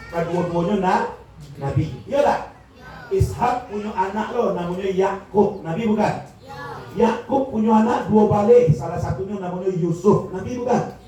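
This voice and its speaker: Lively preacher in an echoey hall. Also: male voice, high-pitched. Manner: lively, jokey, asks the audience questions. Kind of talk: religious lecture to parents. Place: school hall. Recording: echoey hall from far off, faint noise.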